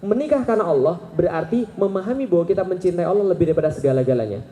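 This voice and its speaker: A man in his thirties preaching a lively Islamic sermon to a live crowd, telling stories, acting out the people he quotes and asking the audience rhetorical questions. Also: high-pitched, racing. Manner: animated storytelling, acting out quoted voices. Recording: echoey hall sound.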